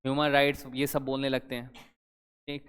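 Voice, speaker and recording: A man's voice: medium pitch, completely flat delivery, brisk, fairly bright tone, clean tone. A young man teaching current affairs for exam preparation, chatty, constantly quizzing his students with questions. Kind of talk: exam-prep lecture. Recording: long hall reverb.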